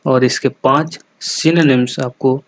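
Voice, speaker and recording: A male teacher gives a patient vocabulary lesson in a classroom manner, spelling words out letter by letter and pausing to check that his students follow. His voice sits at an ordinary middle pitch. The sound is close and dry, with no room echo. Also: fairly even intonation. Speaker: English teacher.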